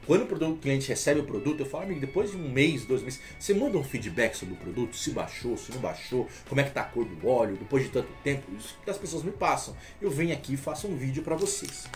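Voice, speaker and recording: A Brazilian man who sells motor oil, talking casually to the camera and reading a text aloud with halting restarts. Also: mid-range voice, very animated, darkish tone, faint music behind. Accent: Brazilian Portuguese. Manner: chatty, explanatory, reads aloud haltingly with restarts.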